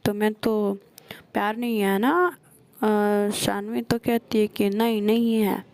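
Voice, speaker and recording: Woman storyteller, gravelly dark voice, flat even delivery, dry close mic. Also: mid-range voice, slow, no echo. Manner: retells scenes with quoted dialogue, frequent hesitations. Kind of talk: casual spoken story retelling.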